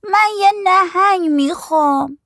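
A woman voicing a stubborn little girl on her birthday, in a high, slow, shrill child's voice. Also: pushed and bright, no echo, studio quality, exaggerated voice. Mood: whiny.

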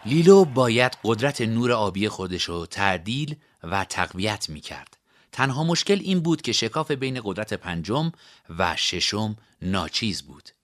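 A man narrating a story in an expressive storybook reading. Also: lowish voice.

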